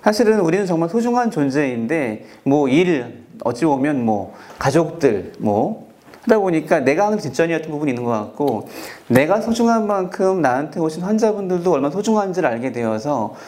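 A man in his forties talks slowly and earnestly, as a guest, with many small fillers. His voice sits a little high for a man. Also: big pitch swings, a little mellow. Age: 40s. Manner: earnest, measured, with frequent filler words. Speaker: dermatologist guest. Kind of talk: reflective personal story in a talk show.

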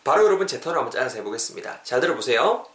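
A man teaches English on his podcast in a playful way. His pitch swings widely, and he slows down to drill each English phrase. The recording carries a roomy echo. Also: big pitch swings, fairly bright tone.

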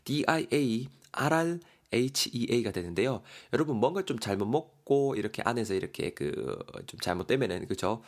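A man teaching English words in a casual podcast lesson, acting out example dialogues with lively shifts in voice. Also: medium pitch, fairly quick, hardly any pauses. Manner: animated, acts out example dialogues.

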